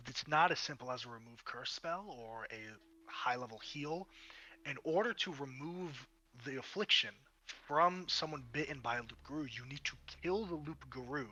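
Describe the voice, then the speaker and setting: Male game master for tabletop fantasy narration; crisp bright tone, dramatic emphasis. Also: medium pitch, dull audio.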